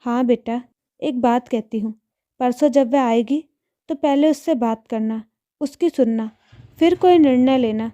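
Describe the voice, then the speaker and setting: A wise, gentle older mother speaks softly in a storybook tale, as a woman reader puts her on. Her voice sits high and sounds very warm and mellow. The sound is close and dry. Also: unhurried, no room sound, natural voice. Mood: tender. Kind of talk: storybook narration.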